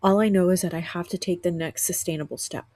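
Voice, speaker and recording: A woman podcast host, sick and rough-voiced, talking earnestly from her couch at home in a reflective spiritual monologue with frequent restarts. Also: lowish voice, fairly even intonation, fast, mellow, dry recording.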